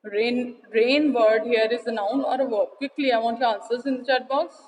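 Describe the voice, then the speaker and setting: An Indian woman teaching an online class in a high, bright voice, talking in an unhurried way. She mixes Hindi and English and keeps checking that her pupils follow her. Her voice rings with a long reverb, as though she is in a bare room. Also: fairly even intonation, slight background noise.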